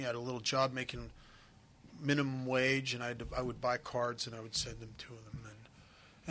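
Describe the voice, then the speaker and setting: A middle-aged man giving an earnest, confessional personal testimony at a recovery meeting, with frequent halting restarts. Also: fairly high pitch, pushed and bright.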